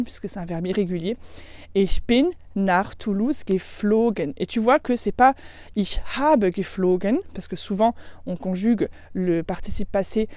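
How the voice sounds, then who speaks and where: A woman with a French accent runs a casual online German lesson, chatting freely and slowing right down to spell out each German phrase. Her voice is mellow and relaxed, and it is recorded close on a dry mic with no room sound. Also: mid-range voice, no echo. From France. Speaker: German language teacher.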